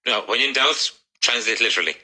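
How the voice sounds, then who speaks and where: Bright-voiced man teaching English. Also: mid-range voice, slightly rough, low-quality recording. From Ireland. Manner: brisk, corrective, encouraging. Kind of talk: classroom drilling.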